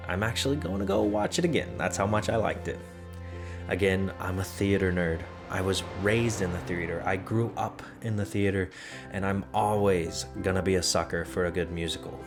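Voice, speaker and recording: A man's voice: low-pitched, normal speed, music in the background. A young man hosting his own channel, chatting casually and gushing with enthusiasm. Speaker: channel host. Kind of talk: casual movie review vlog.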